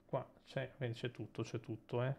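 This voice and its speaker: A man's voice: medium pitch, flat delivery, normal speed, creaky, a little mellow. A male Italian streamer in a casual group chat, joking, swearing and mumbling to himself while unpacking merch.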